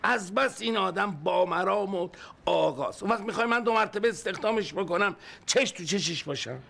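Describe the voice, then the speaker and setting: An actor playing a blustering middle-aged father in a TV comedy, who wails, shouts and then turns mock-calm. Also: high voice, gravelly, exaggerated voice. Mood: earnest. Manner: exaggerated wailing and shouting. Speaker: club owner father. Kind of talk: TV sitcom acting.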